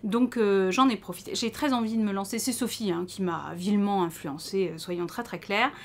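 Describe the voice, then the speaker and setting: A woman's voice: mid-range voice, normal speed, slight background noise. A woman with a French accent chatting casually to camera about knitting, rambling and self-mocking with many fillers. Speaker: knitting vlogger.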